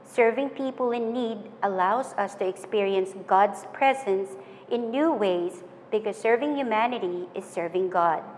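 Young woman, commencement speaker, earnest and measured, lapel mic in a reverberant room. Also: medium pitch, darkish tone. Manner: measured, earnest, list-like delivery. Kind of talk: formal graduation speech. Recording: hall reverb with faint noise.

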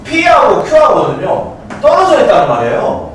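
Male Gyeongsang math teacher, high lively voice, quizzing students, taped from far back in an echoing classroom. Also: slow, a little hiss or hum. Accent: Gyeongsang Korean. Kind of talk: classroom lecture. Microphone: far camcorder. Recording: echoey classroom from a far camcorder.

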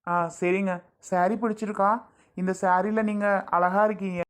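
A woman playing a gentle, attentive young groom who fusses over everyone in a family drama. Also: mid-range voice, level tone, normal speed, lightly acted. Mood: fond. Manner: fussing, affectionate.

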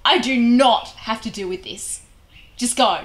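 A woman in her twenties playing a fed-up, sharp-tempered single mother, exasperated and confrontational. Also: fairly high pitch, unhurried, natural voice. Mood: angry, exasperated. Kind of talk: naturalistic short-film acting. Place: indoors in a small house. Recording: echoey room, clearly noisy audio.

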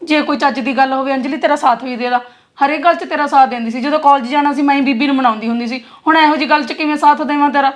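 A woman acts out an anxious sister-in-law who coaxes and pleads. She talks quickly in a slightly high voice. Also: fairly even intonation, natural voice. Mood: coaxing. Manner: coaxing, pleading. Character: caring young sister-in-law, anxious peacemaker. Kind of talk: rural Punjabi web drama acting.

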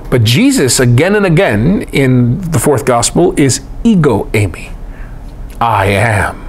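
A man's voice: on the high side, vocal fry. A man with an American accent giving a Bible study lecture, reading passages and adding conversational asides to his listeners. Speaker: Bible teacher.

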